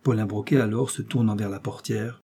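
A man narrating an adventure novel aloud in a measured, dramatic storytelling manner. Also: on the low side, mellow, husky. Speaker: audiobook narrator. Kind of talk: scripted narration.

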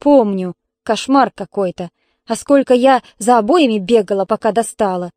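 A woman's voice: fairly high pitch, moderate pace, warm tone, dry recording, close to an everyday voice. A woman reading as a grumpy, complaining middle-aged mother who scolds her neighbors and children. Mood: grumbling. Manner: complaining, strict.

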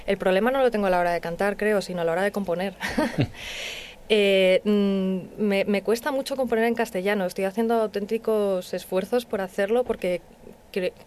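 A woman's voice: medium pitch, moderate pace, darkish tone, slight background noise. Hesitant woman musician. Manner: hesitant, many fillers, laughs easily. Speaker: musician guest. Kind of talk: radio interview. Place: radio studio.

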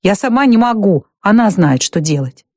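A woman reading an audiobook voices a scornful young wife, shrieking her lines in shrill, furious outbursts. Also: animated, moderate pace, darkish tone, dry recording, studio quality, lightly acted. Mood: exhausted pleading.

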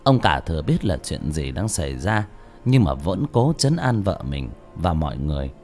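A man's voice: low voice, big pitch swings, normal speed, darkish tone, faint music behind. A man narrating a ghost story in a dramatic, suspenseful way. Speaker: audiobook narrator.

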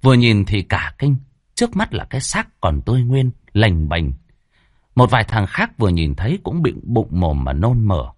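A man narrating a ghost story from a script, with a dramatic, varied delivery and tense pauses. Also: fairly low pitch, wildly swooping pitch, dry recording, studio quality.

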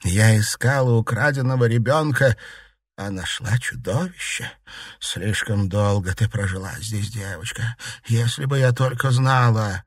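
A man's voice: fairly low pitch, a little slow, no room sound, clean studio sound. A man reading an audiobook, voicing a countess who reproaches and pleads with her daughter. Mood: pleading. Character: anxious aristocratic mother, a countess, pleading. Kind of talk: audiobook narration.

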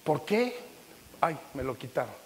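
A man's voice: on the high side, sing-song, measured pace, in a large hall, slight background noise. A man with a Mexican accent preaching a live sermon as pastor, passionate and at times joking with the congregation. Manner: impassioned preaching with playful humorous asides.

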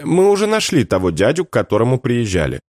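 A man's voice: mid-range voice, huge pitch swings, fast talker, a little mellow, no room sound, studio quality, voice pushed up. A man voicing a worn-out young mother who speaks curtly and guardedly.

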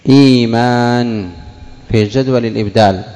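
Man teaching a grammar class, asks and answers himself, mellow tone, long hall echo. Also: medium pitch, steady tone. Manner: asks questions then answers them, drawing out example words slowly. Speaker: sheikh teaching Arabic morphology. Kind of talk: classroom lesson explaining word roots.

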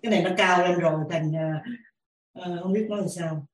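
A woman, a lay practitioner asking her teacher questions, halting as she searches for words. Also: lowish voice. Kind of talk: dharma Q&A. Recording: roomy echo.

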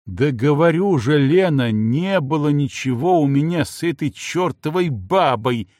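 A man's voice: fairly high pitch, animated, unhurried, darkish tone, dry recording, studio quality, pitched above the performer's own voice. A man voicing a bewildered husband and warlord who pleads with his furious wife. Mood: pleading. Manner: pleading, exasperated.

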